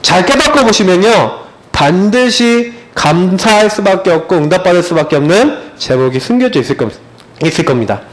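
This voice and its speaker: A man in his thirties preaching as a pastor in a church, animated and storytelling, with many rhetorical questions. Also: high-pitched, moderate pace. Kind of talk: sermon. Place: church sanctuary.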